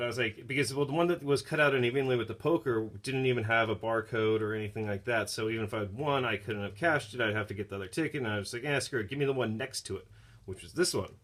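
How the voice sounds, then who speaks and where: A man's voice: lowish voice, fairly bright tone. A man vlogging in a casual, rambling storytelling style, with slangy talk and the odd swear word. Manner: slangy, swears casually, often quotes himself.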